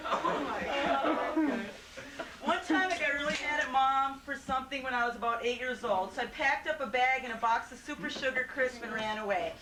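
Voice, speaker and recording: A woman's voice: high-pitched, moderate pace, a crowd in the background. A woman reading childhood stories aloud to her family, often laughing as she tells them, heard on an old VHS home video. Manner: laughing often through the telling. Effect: old VHS home video sound. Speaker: family member sharing memories. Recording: hissy, distant, roomy home video tape.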